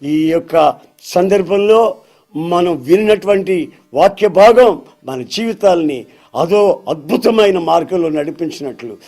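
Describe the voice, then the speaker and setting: Man preacher, high voice, storytelling sermon, addresses brothers. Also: animated, measured pace, a little mellow.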